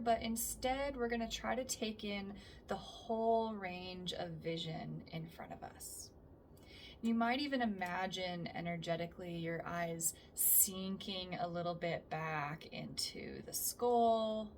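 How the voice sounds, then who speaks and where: A woman leads a calm grounding exercise in a gentle, mid-pitched voice, her phrases softening as they end. She is recorded a little way from the microphone, with faint noise behind her. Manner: calm and gentle, trailing off softly at phrase ends. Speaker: somatic practice instructor. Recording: distant mic with faint background noise.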